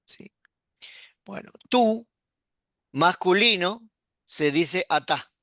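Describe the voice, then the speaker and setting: A man, a pastor teaching an online class, explaining patiently and repeating words slowly. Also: high voice, lively intonation, sharp tone, no room sound, clean studio sound.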